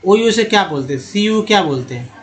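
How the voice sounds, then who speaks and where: Male teacher, slightly high voice, patient step-by-step pronunciation drills. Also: animated, a little fast. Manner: repetitive, explains step by step, addresses viewers as friends. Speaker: English teacher. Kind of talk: spoken pronunciation lesson.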